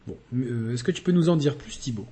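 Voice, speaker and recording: A man hosting a casual gaming podcast, animated and joking, with quick asides. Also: mid-range voice, husky. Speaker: podcast host.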